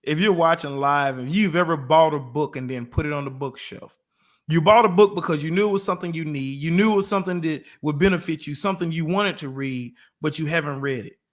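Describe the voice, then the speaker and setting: A man co-hosting a motivational talk show, telling everyday stories and acting out quotes with lively energy. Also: on the high side, fairly quick. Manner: storytelling with lively acted-out quotes. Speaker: co-host.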